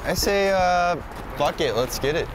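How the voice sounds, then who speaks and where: A tall young man shopping for a car, easygoing and quick to laugh. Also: high voice, lively intonation, background noise.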